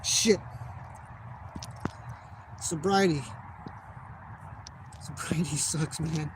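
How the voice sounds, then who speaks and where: A man's voice: fairly high pitch, steady tone, drawn-out words. Young guy ranting casually, swears a lot, rambles, lots of noise behind him. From United States. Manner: profane, rambling, losing his train of thought. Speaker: vlogger. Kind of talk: casual monologue. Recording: noisy background.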